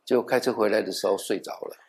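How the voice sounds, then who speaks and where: A middle-aged pastor with a lowish voice preaches fast, with a little hiss or hum in the background. He tells his sermon as animated story, acting out dialogue with half-joking asides and mixing in English words here and there.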